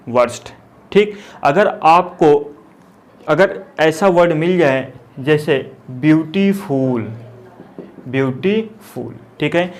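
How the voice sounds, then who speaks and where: Man teaching English grammar. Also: a little high. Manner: checks understanding often; spells out each word slowly. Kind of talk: classroom lesson.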